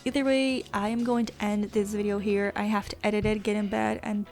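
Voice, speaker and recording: Candid, gravelly-voiced woman vlogger. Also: mid-range voice, little pitch movement, fairly quick, a little mellow, soft background music. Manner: candid, venting, swears freely. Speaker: gaming vlogger. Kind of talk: casual confessional vlog chat.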